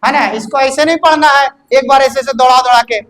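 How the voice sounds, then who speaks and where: A man's voice: extremely high pitch, steady tone, brisk, fairly bright tone, low-quality recording. Physics tutor guy, walks kids thru problems, keeps cheering them on. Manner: encouraging, calls students "babu". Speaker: physics teacher. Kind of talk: solving exam questions for students.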